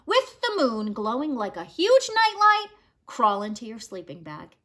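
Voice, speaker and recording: In a small room at home, a high-pitched woman reads a children's picture book aloud, telling the story in an animated, expressive way and drawing out her words.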